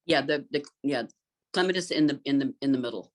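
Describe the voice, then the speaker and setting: Slight background noise accompanies a middle-aged woman, an interior designer, talking fairly quickly about gardens. Her voice rumbles low, and her thoughtful, fluent speech is peppered with frequent ums.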